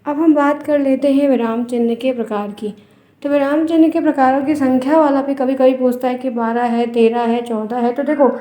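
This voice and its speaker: A woman's voice: high voice, warm tone, roomy sound. A woman teacher giving a patient exam-prep grammar lesson, repeating her points and checking that students follow.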